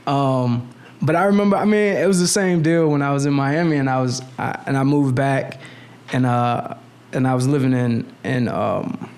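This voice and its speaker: Speaking at normal speed in a darkish, mid-range voice, this thirty-something guest chats casually. He's slangy and rambling, with lots of restarts and frequent "you know what I'm saying."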